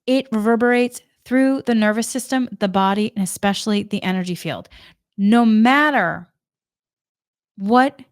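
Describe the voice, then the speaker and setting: A spiritual channel host from Massachusetts, New England, talks through a spiritual energy forecast with a faint Boston accent showing. Her medium-pitched voice is smooth and measured in pace. She is earnest but rambling, circling back and restarting when words trip her up, and the recording is dry and close.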